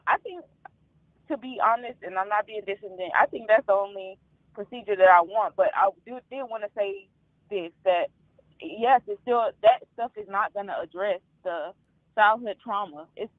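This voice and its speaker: Twenties woman calling in on the phone, candid, kinda halting, trails off, tinny phone sound. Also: mid-range voice, dry recording. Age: 20s. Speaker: caller. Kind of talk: call-in talk.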